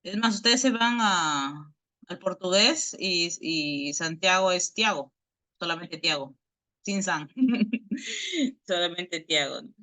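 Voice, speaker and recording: Bright-voiced teacher on a video call. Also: mid-range voice, animated, slow, pauses often. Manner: explains patiently, tags nearly every phrase with a questioning "right?"; restarts and repeats words while thinking aloud. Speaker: Bible study teacher. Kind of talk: explanatory online Bible study lesson.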